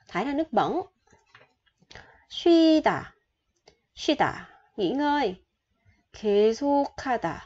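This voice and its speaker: A woman's voice: mid-range voice, a little mellow. A Vietnamese-speaking woman teaching Korean vocabulary and grammar, patiently repeating each word and asking her viewers questions. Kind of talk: explaining vocabulary and grammar to learners. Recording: dull lo-fi sound.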